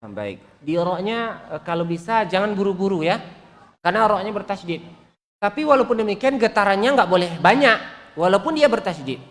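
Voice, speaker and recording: A man's voice: sits high, big pitch swings, a little fast. A man teaching Quran recitation, patiently repeating sounds for students to copy. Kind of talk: online recitation class. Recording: long reverb.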